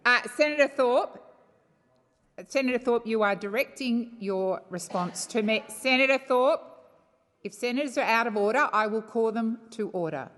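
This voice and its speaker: A woman's voice: a little high, fairly quick, few pauses. An Australian woman chairs a formal parliamentary debate with firm authority. She speaks in procedural instructions and often repeats them. Her voice rings with long reverb in a large chamber. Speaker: parliamentary presiding officer.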